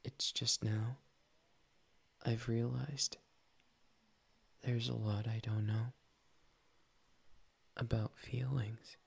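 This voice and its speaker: A man's voice: medium pitch, little pitch movement, drawn-out words, gravelly, long pauses, breathy edge, exaggerated voice. A man voicing a shy, playful young male cat boy in a whispered ASMR roleplay, tender and teasing, slipping "nya" into his talk. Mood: wistful. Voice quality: soft whispery delivery.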